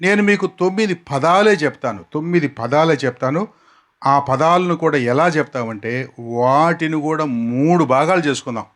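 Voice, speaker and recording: A male preacher with a fairly high voice, teaching a gathered congregation. He stretches key words out slowly and has the crowd repeat them after him, shifting between brisk explanation and drawn-out drilling. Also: fairly bright tone. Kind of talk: outdoor sermon teaching scripture words. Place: outdoors in the sun.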